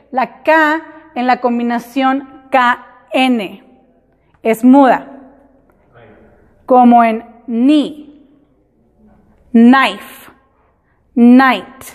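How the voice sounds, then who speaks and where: A high-voiced woman teaches a classroom lesson at a slow, careful pace. She repeats each example word in English before explaining it. The sound rings in a hall with long reverb. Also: a little mellow, muffled recording.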